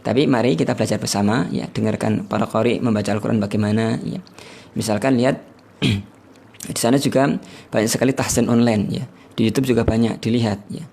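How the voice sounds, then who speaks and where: A man teaching Quran recitation in a livestreamed study session, often ending phrases with "ya" and slowly chanting verses to demonstrate. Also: fairly low pitch, fairly even intonation, creaky, dark tone. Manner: tags sentences with "ya", sings out verses slowly to demonstrate. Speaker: religious teacher.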